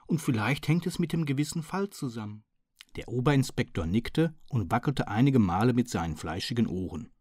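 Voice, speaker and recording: A man reading a story aloud in a measured, even narration. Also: fairly low pitch, dry recording, studio quality. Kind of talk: scripted narration.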